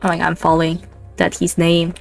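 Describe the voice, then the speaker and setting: A woman streamer chatting excitedly while playing a co-op game, exclaiming and laughing often. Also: lowish voice, brisk, gravelly. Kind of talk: casual gaming chat. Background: faint lo-fi background music.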